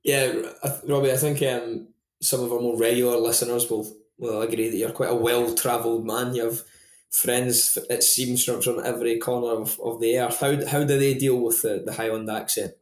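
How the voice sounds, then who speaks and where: A man's voice: medium pitch, level tone, normal speed, darkish tone. Echoey young Scottish man hosting a podcast. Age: young adult. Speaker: podcast host. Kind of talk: casual sports chat and match reporting. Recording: echoey, roomy sound.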